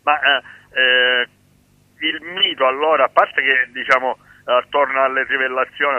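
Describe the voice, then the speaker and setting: A man, a guest activist speaking over the phone on a radio show, explaining his points with frequent pauses and restarts. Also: mid-range voice, no room sound. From Sicily. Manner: hesitant, many fillers and restarts, explanatory. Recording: tinny phone line.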